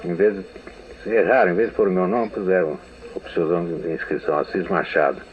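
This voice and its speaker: This archival radio testimony features an older Brazilian writer from São Paulo state, whose low-pitched, brisk voice carries a Brazilian Portuguese accent. He wanders through his memories, frequently starting sentences over. The old radio archive audio is narrow and phone-like, with slight background noise.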